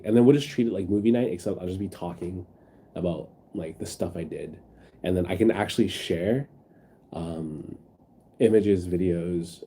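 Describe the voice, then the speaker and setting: A husky man with a low-pitched, warm voice chats casually with viewers from his phone stream. Sick and sniffling, he rambles, uses many fillers, and reads their messages out loud.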